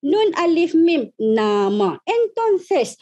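High-pitched Malaysian woman teaching slowly. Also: sing-song, a little mellow. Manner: friendly, checks in with "¿vale?" often; spells out letters and syllables slowly. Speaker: language teacher. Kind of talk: online lesson.

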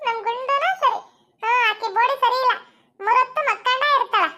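Picture a bossy village mother with a piercingly high voice and a North Karnataka Kannada accent, as a young woman acts her out in a comedy skit. She fusses over babies, teasing and scolding them in a sing-song coax. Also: steady tone, moderate pace, sharp tone. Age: young adult.

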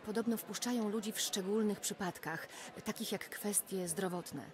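A woman's voice: mid-range voice, moderate pace, crowd noise, lightly acted. A woman voicing a determined, wry young reporter sneaking around in a dubbed video game. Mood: quietly scheming. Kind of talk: dubbed video game acting with muttered self-talk. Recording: game music under the voice.

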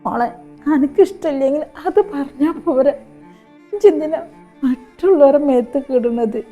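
An older woman acts in a short-film skit as a poor, widowed elderly mother, sounding hurt and pleading in a Malappuram Malayalam accent. Her voice is high and warm, close to an everyday voice, at a normal pace, with soft music in the background.

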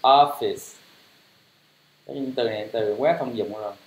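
A man teaching English pronunciation, spelling words letter by letter and repeating them louder. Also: fairly low pitch, quick pace. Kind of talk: pronunciation lesson. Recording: roomy, dull lo-fi sound.

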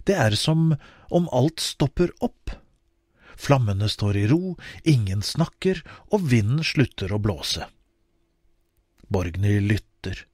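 A man narrating a children's audiobook expressively, with wide swings in pitch. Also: sing-song, a little mellow, husky, no echo, clean studio sound.

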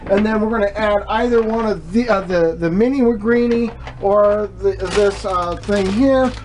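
A young man with a high, slightly mellow voice films himself at the stove with his camera mic, hosting a casual home cooking video in a small kitchen. He talks at a normal pace but rambles, full of fillers and restarts. The audio is poor, with a little background noise.

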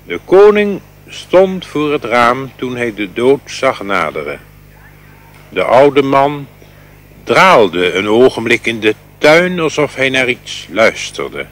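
A man reading a fairy tale aloud in a slow, expressive storytelling manner. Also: mid-range voice. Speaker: reader.

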